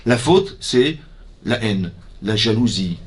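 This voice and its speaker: Animated rabbi teaching a class. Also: male voice, fairly low pitch, takes it slowly, husky. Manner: animated, asks listeners questions, acts out dialogue. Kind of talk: lively Torah lesson. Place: community hall.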